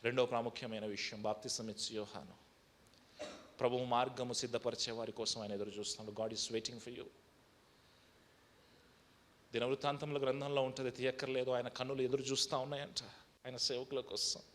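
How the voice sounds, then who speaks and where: A man preaching a sermon as pastor, moving between loud, high calls to the congregation and quiet, personal testimony, with English phrases mixed in. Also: fairly even intonation, a little fast, long pauses.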